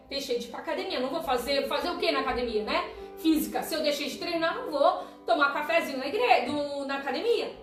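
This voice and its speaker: High-voiced woman preaching in an echoey room. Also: a bit bright. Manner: conversational preaching, asking the listener "tá?" again and again. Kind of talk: sermon on a live stream. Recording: echoey room, distant mic, faint music.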